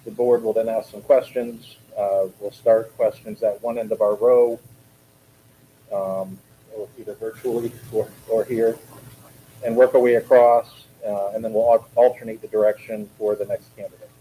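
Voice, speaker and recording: A man chairing a school board meeting, laying out the procedure in a steady, procedural way with small restarts, speaking from a board table in a meeting room. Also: fairly low pitch, normal speed, slight background noise, rough recording. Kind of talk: running a public meeting.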